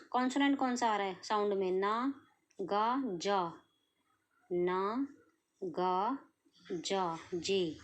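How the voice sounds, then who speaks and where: A woman's voice: mid-range voice, slight background noise. An Indian woman teaching shorthand step by step, patiently checking that her students follow. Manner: patient, checks in often with "clear?" and "okay". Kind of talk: explaining a lesson step by step.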